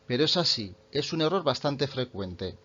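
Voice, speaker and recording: A man, a native Spanish speaker, explaining English grammar in an online lesson and slowing right down to read example sentences. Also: medium pitch, very animated, a bit bright, lo-fi sound. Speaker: English teacher.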